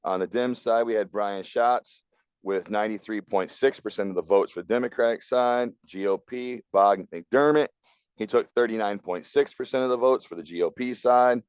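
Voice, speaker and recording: A man's voice: lowish voice, normal speed, darkish tone, clean tone, no echo, highs cut off. A man co-hosting a podcast, talking through politics in a blunt, opinionated way. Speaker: podcast co-host. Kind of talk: casual political talk.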